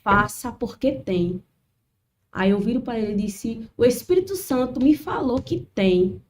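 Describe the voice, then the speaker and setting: A woman shares a lively church testimony as a podcast guest. Her voice sits a little high but soft and mellow. She is picked up from a distance, away from the mic. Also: moderate pace, a little hiss or hum. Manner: animated storytelling, acts out quotes. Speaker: guest, children's ministry worker. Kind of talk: testimony in casual chat.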